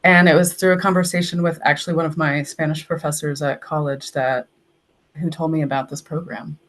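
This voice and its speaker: A young woman from Texas talks a little fast in a low-pitched, steady, slightly bright voice. She is an English language assistant guesting on a podcast, telling stories chattily in a casual interview and saying "like" often.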